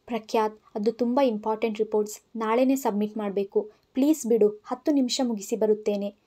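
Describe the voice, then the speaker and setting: A woman's voice: a little high, steady tone, brisk, mellow, close to an everyday voice. A woman voicing a tired young working wife in an audio story, speaking in a weary, pleading way.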